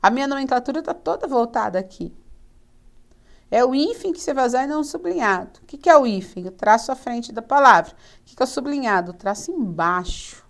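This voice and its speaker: A woman teaching a writing lesson, animated and playfully mimicking students. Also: a little high, brisk, gravelly. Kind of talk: video lesson on writing rules.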